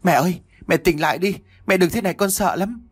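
A man voicing a frightened young boy in a told horror story, pleading and shrill. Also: fairly quick, husky.

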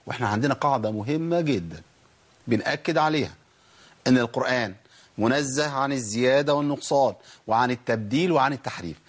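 A man with an Egyptian accent teaching Quran recitation, who asks the class questions, answers them himself, and draws out example words slowly. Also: mid-range voice, husky. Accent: Egyptian Arabic. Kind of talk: tajweed lesson.

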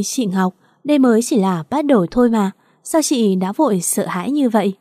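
A woman reads a first-person story in an even, unhurried manner. Her voice is mellow and dark-toned. The recording is dry and close. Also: medium pitch, no room sound. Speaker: narrator.

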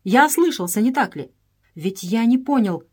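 A woman's voice: a little high, animated, normal speed, darkish tone, slightly rough, voice pushed up. A woman doing a frantic, pleading young man. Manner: pleading, trembling.

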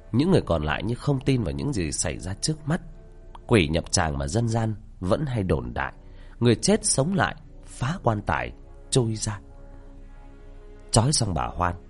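Low husky guy reading a spooky story, voice swings all over, faint music under it. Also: a little mellow. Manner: tense, dramatic storytelling. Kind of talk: dramatic horror narration.

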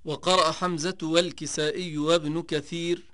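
A man teaching Quranic reading variants, stating each case plainly and then chanting the verses slowly and melodically. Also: fairly high pitch, level tone, fairly bright tone, no room sound. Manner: measured explanation, slow melodic chanting of verses. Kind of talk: recitation lesson on Quranic readings.

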